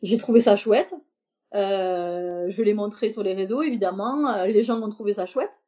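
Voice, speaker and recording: Invitée de podcast, une femme, timbre chaud et feutré, parole hésitante avec nombreux « euh ». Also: female voice, mid-range voice, normal speed, dark tone. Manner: hesitant, many fillers and restarts. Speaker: podcast guest, embroiderer. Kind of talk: casual interview talk.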